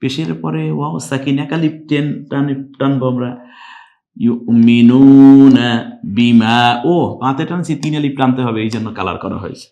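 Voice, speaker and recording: A man teaching Quran recitation rules in Bengali-accented speech, explaining slowly and then chanting verses in long, louder phrases. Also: medium pitch, gravelly, muffled recording. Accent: Bangladeshi Bengali. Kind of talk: step-by-step recitation lesson.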